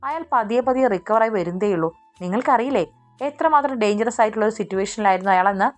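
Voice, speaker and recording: A woman's voice: medium pitch, quick pace, soft background music, close to an everyday voice. A woman reading a stern insistent male doctor. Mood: stern firm. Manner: firm, insistent.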